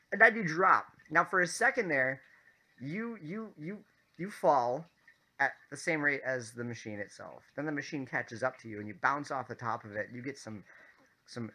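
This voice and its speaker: A man casually telling a story as a vlogger, animated and full of fillers. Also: mid-range voice. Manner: animated, many fillers and restarts.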